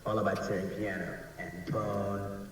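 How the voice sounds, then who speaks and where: A man reading scripted promo narration over music, played back from an old 1994 cassette tape in a slow, measured way. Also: lowish voice, flat delivery, heavy reverb, long reverb tail, over a noisy crowd. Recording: distant old tape under loud music.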